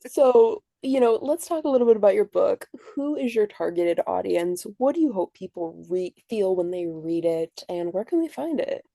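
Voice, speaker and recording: Woman podcast host, playful and jokey, gravelly dark voice. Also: mid-range voice, lively intonation, normal speed, few pauses, no room sound, clean studio sound. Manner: playful, joking. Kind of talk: casual interview chat. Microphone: video call.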